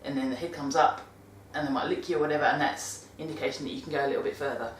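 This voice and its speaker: Rumbling low and steady, her voice comes out rapid-fire as this British vlogger chats about dog care in her laid-back monthly video, rambling and self-correcting mid-sentence. The mic is distant, giving a roomy sound, and there's slight background noise.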